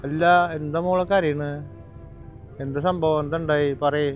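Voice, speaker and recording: An anxious father played by a man in a family short film. His voice is fairly high for a man, and he keeps asking question after question. Faint music plays behind him. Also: fairly even intonation, a little slow, natural voice. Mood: worried, pressing. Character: worried father on the phone with his daughter. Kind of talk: home-made family drama acting.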